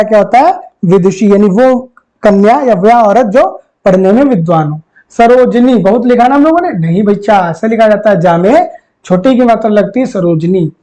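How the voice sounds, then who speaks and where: A man with a very high, mellow voice leads a Hindi spelling and vocabulary lesson for an exam, speaking at normal speed with lively intonation. He repeats every word, quizzes the viewer, and calls viewers friends. The audio is rough.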